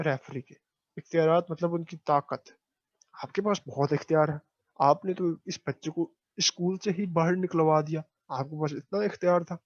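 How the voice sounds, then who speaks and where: A man's voice: on the high side, dry recording. A male teacher reads a textbook aloud and explains each word, asking and then answering his own questions. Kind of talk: classroom lecture reading and explaining a textbook. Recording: dry, dull lo-fi recording.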